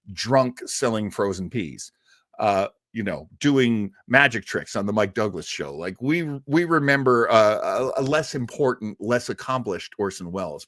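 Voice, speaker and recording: A man's voice: on the low side, no room sound, studio quality. A man hosting a livestream, chatting casually and answering viewers, rambling with laughs and restarts. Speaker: livestream host. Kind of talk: casual chat with live chat viewers.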